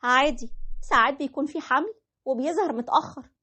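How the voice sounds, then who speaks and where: A woman's voice: high voice, quick pace, pushed and bright, pitched above the performer's own voice. A woman voicing a petulant young wife with an Egyptian accent, whiny and complaining.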